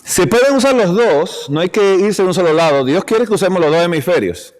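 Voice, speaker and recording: A man's voice: high voice, animated, brisk. Guy preaching in a church hall, chuckles a lot, acts out little quotes, big echo. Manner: storytelling with acted quotes and chuckles. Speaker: preacher giving a health seminar. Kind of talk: sermon-style seminar talk. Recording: long hall reverb.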